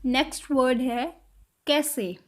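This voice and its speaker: A woman with a high, light voice gives a spoken language lesson. She says each example phrase slowly and with care, then lets her voice sink quietly as she wraps up each point. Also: a little hiss or hum. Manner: drops to a quiet close at the end of each point. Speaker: language teacher.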